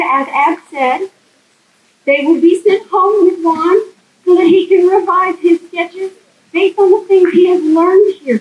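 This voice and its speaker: A woman organizer giving a formal introduction to a crowd in an outdoor plaza, measured in manner. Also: sits high, reverberant, lo-fi sound. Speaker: arts program organizer introducing the artist.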